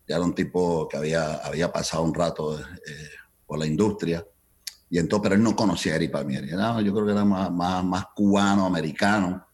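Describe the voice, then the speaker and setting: Low low voice, colombian guy in his 60s, telling stories in an interview, switches to english a lot. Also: a little fast. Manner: lively anecdotes, mixes Spanish and English, acts out dialogue. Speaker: guest, entertainment entrepreneur. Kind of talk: storytelling in a conversational interview.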